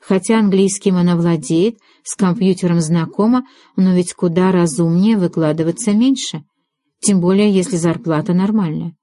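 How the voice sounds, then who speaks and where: Mellow woman narrating an audiobook. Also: on the low side, moderate pace, no room sound. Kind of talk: scripted narration.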